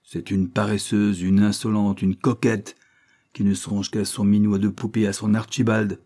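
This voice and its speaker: A man reading an audiobook, voicing an irascible, sarcastic older spinster who scolds in loud outbursts. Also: fairly low pitch, little pitch movement, normal speed. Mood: angry. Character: irascible sharp-tongued older spinster woman.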